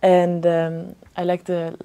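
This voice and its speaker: A woman's voice: on the low side, completely flat delivery, slow, creaky, mellow. A young woman from the Netherlands, answering exam questions hesitantly with many fillers and restarts. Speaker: exam candidate. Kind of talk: spoken English exam answers.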